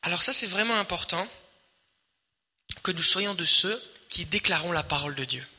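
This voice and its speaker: High, bright-voiced preacher in a hall. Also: male voice. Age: adult, married. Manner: emphatic, repetitive preaching with swells and quiet drops. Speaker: pastor. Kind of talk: sermon. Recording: long hall reverb.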